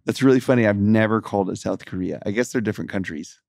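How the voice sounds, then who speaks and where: A man from Texas with a gravelly, creaky edge to his voice, hosting a faith podcast in a lively, joking way. He laughs often between stories, and the sound is close and dry with no room around it. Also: fairly low pitch, fast talker, no echo. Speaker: podcast co-host. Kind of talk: casual gospel podcast chat.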